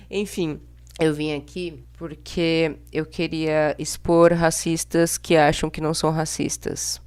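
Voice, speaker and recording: Casting: young Brazilian woman, low-pitched voice, blunt and exasperated vlogger with casual slangy delivery. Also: flat delivery, unhurried, darkish tone, clean tone. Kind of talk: casual opinionated monologue to camera.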